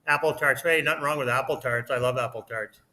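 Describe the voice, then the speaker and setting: Very bright-voiced chatty man. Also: mid-range voice, moderate pace. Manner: chatty, laughs often. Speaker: livestream co-host. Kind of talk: casual livestream chat. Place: home in Mexico.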